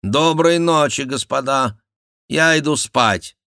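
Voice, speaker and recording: A man's voice: medium pitch, takes it slowly, sharp tone, clear, resonant tone, no echo, studio quality, pitched above the performer's own voice. A man reading an audiobook, voicing a stern, weary king who gives commands. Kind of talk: audiobook character voice.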